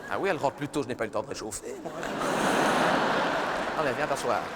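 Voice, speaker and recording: A man's voice: mid-range voice, fast talker, heavy background noise, close to an everyday voice. A man voicing a nagging middle-aged mother who scolds her daughter in a live stand-up sketch, fussing and repeating herself. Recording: reverberant live arena recording.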